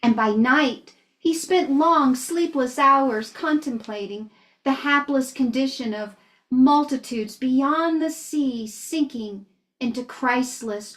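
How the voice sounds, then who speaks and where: A woman reads a missionary story aloud to children in a slow, earnest way. She keeps pausing to ask them questions. Her voice sits a little high.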